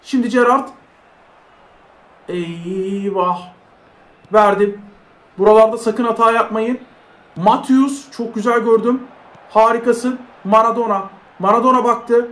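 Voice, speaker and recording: A young man plays a mobile football game and gives excitable play-by-play at a moderate pace in an echoey room. His voice is very high, he shouts when big plays happen, and he chats with his viewers during the live commentary.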